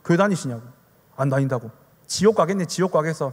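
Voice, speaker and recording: A man voicing a tiny, fierce middle-aged woman evangelist who speaks in a Busan dialect and scolds strangers in a blunt, rapid-fire way. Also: a little high, lively intonation, in a large hall, voice pushed down. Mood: scolding.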